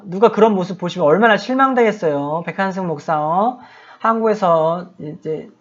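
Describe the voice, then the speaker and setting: A middle-aged man preaching a sermon as a pastor and missionary, telling a story in a conversational, self-deprecating way. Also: fairly high pitch. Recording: dull lo-fi sound.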